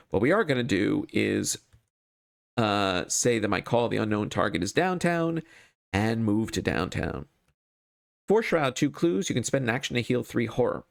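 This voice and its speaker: A man's voice: fairly low pitch, gravelly. A man thinking aloud as he hosts a solo card game playthrough, casual and wryly self-deprecating.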